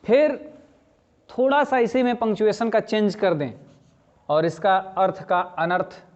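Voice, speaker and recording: A man with a high-pitched voice gives a classroom lecture on grammar. He explains patiently, repeats his key points and checks whether the students have understood. The recording sounds dull and slightly lo-fi. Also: darkish tone. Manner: explains slowly, repeats key phrases, asks students questions. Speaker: language teacher.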